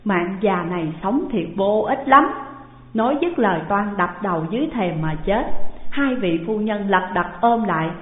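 A woman reads a classical tale aloud at a slow, measured pace. Her voice sits at a middle pitch and comes through thin and phone-like, ringing in a long hall echo. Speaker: storyteller. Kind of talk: scripted narration of a classical tale.

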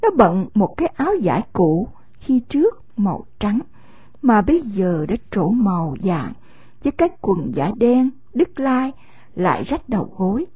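Southern vietnamese woman reading a story, husky dark voice, dry close sound. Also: medium pitch, big pitch swings, normal speed, dry recording. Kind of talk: scripted story narration.

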